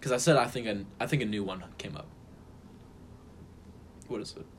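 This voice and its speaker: A man's voice: on the low side, moderate pace, slight background noise. A young man co-hosting a podcast in casual, jokey chat, laughing often. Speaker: podcast co-host.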